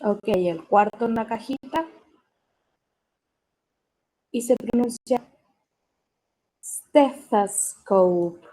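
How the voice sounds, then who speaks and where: A woman teacher runs a vocabulary lesson at an unhurried pace, saying each word deliberately and repeating it for her students to note. Her voice is soft and mellow. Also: a little high, poor audio. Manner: spells out and repeats words slowly and carefully. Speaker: English teacher.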